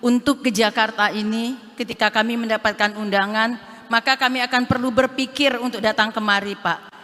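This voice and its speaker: A woman from Aceh makes a formal appeal on stage in a high, bright voice, pleading and addressing the official again and again. Her handheld mic rings out through a large hall with a long reverb tail. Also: fairly even intonation, brisk. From Aceh, Indonesia. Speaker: head of a regional social services office. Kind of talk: formal appeal at a national meeting.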